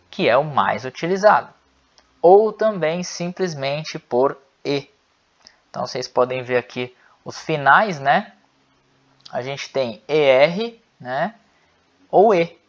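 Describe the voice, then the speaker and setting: A man's voice: mid-range voice, fairly bright tone, lo-fi sound. A man teaching an online language lesson, explaining patiently and often checking in with his viewers. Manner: slow, patient explaining with frequent "né?" and "pessoal".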